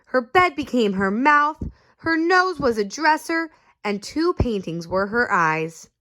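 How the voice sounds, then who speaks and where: A woman reading a children's picture book aloud, pausing to ask her young listeners questions. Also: on the high side. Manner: slow and expressive, asks listeners questions. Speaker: storyteller.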